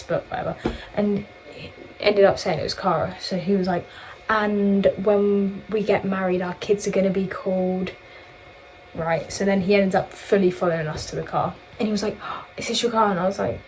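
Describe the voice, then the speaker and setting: A woman's voice: medium pitch, a little mellow, a little hiss or hum, low-quality recording. A young woman from England chatting casually while getting ready at home, rambling through a night-out story with lots of fillers and quoted dialogue. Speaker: vlogger.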